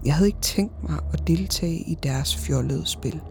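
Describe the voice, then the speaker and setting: A woman hosting a podcast, reading a horror story in a measured, even storytelling manner. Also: low-pitched, vocal fry, faint music behind. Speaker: podcast host and narrator. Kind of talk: scripted horror story narration.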